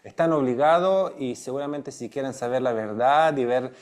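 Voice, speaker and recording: A man hosts an interview and frames his questions in a halting way. He often breaks off and restarts mid-phrase. His voice sits at an ordinary middle pitch. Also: darkish tone. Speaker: host, interviewer. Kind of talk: interview hosting.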